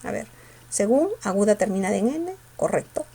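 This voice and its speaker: A woman teacher going over exam questions, asking her students quick questions and answering them herself. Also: medium pitch, animated, gravelly, mellow, breathy edge. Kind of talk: exam review lesson.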